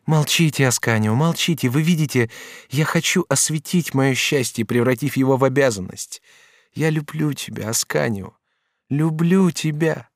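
A man reading an audiobook, voicing a gentle and earnest young noblewoman in love with a soft, pleading tone. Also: medium pitch, normal speed, no echo, clean studio sound, pitched above the performer's own voice, natural voice. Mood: tender.

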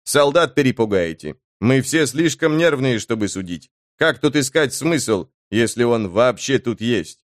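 A man voicing a stern male assassin who calms the others in a measured way in a fantasy audiobook. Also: medium pitch, dry recording, studio quality, lightly acted.

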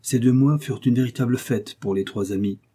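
A man reading a classic novel aloud as an audiobook, in a measured, literary narration. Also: mid-range voice, dark tone, breathy edge. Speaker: audiobook reader. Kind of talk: scripted narration.

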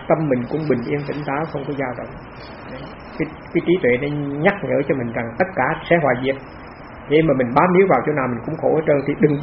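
A man's voice: a little high, gravelly. A man, a monk giving a plain, repetitive, conversational Dharma talk at a meditation retreat. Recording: dull lo-fi talk recording with faint noise.

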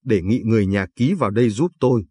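A man voicing a brisk hospital nurse in a storybook reading, urgent and matter-of-fact. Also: on the low side, expressive, dark tone, husky, no echo.

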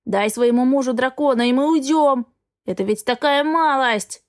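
A woman's voice: high voice, moderate pace, close to an everyday voice. A woman voicing a pushy, demanding young man in an audiobook. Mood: pleading. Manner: demanding and insistent. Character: pushy scheming young man, a rival suitor. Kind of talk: audiobook character reading.

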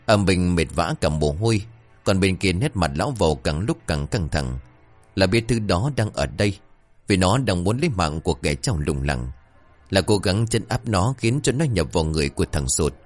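A man narrating a scripted horror-comedy story in a lively, dramatic way. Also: sits low, moderate pace, faint music behind.

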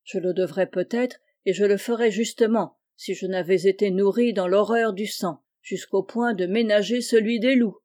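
A woman voicing a polite, noble young peasant hero who speaks in a measured, slightly lofty way. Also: mid-range voice, warm tone, close to an everyday voice. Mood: stern.

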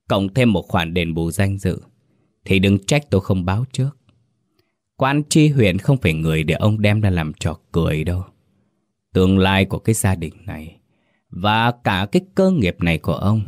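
A man's voice: on the low side, a bit bright. A man voicing a contemptuous young official's son who scorns and threatens an old man. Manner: sneering, menacing.

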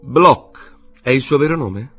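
A man's voice: medium pitch, expressive, takes it slowly, breathy edge, soft background music, pitched above the performer's own voice, heavily acted. A man reading an audiobook voices a curt, suspicious man who questions and orders others sharply. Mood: probing. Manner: sharp, commanding.

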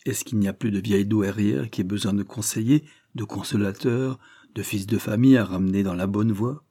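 A man voicing a burly, pompous middle-aged detective chief who bullies and lectures his men, in a raised, hectoring voice with a husky edge. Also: on the low side, brisk, warm tone, dry recording, studio quality. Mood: scolding, bossy.

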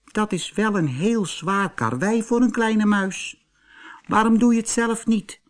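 A man's voice: high voice, unhurried, voice pushed up. A man voicing a small, cheeky, fearless male mouse in a storybook, speaking matter-of-factly.

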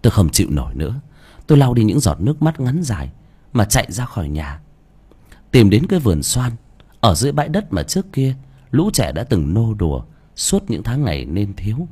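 A man's voice: lowish voice, wildly swooping pitch, brisk, mellow, slightly rough. A man narrating a first-person story as an audiobook reader, telling it expressively.

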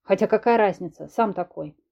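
A woman's voice: medium pitch, fairly quick, gravelly. A woman reading the lines of a sulky, jealous young man in a grumbling tone, in a dull lo-fi audiobook recording.

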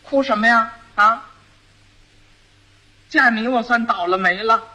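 A man's voice: very high-pitched, unhurried, bright, forceful tone, heavily acted, rough recording. A man voicing a clever young bride who scolds and coaches her husband. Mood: scornful. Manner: scolding, instructive.

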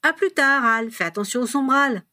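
A woman voicing an excited, breathless young boy who teases his brother, reading aloud in a dry, close recording. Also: medium pitch, normal speed, lightly acted. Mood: teasing.

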